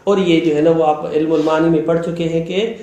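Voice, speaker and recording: A man teaching a seminary lesson, explaining terms slowly, repeating them and checking that students follow. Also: a little high, flat delivery, warm tone. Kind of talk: classroom lecture. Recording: very echoey room.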